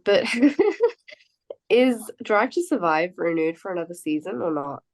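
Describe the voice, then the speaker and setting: A woman's voice: medium pitch, sing-song, a little slow, a crowd in the background. A young woman co-hosting a podcast in casual chat. She agrees readily and keeps her remarks short. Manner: agreeable, brief backchannels. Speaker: podcast co-host.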